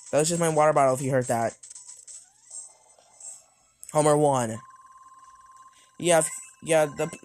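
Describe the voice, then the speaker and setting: A woman giving rambling, hesitant commentary over an arcade game she is reviewing, often restarting and correcting herself. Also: deep voice. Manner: talks loudly over game music at times. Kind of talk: gameplay commentary.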